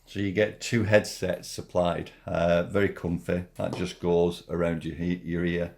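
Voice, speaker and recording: A man giving a casual, hands-on product review in an informal, halting way, repeating himself as he demonstrates. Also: low voice, flat delivery, creaky, a little mellow, slight background noise.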